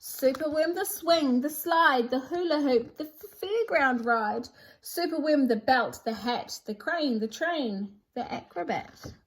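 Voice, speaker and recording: A high-voiced woman with lively intonation reads at a measured pace over a rough recording. She's presenting a children's picture book, performing it aloud in a theatrical, rhyming, sing-song way.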